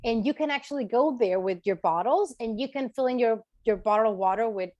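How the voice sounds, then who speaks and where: A Chilean tour guide speaks briskly in a slightly high, darkish voice; the audio is lo-fi, with no room sound. During an informal online lecture with questions, she explains topics and checks in with listeners, leaning on "right" and "okay" tags.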